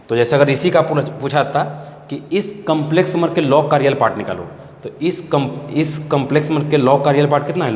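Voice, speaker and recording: Male math teacher, Bihari accent, repetitive question-and-answer lecture style, faint hiss in an echoey hall. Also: fairly high pitch. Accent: Bihari Hindi. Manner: repetitive, asks the class questions and answers them. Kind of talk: classroom lecture.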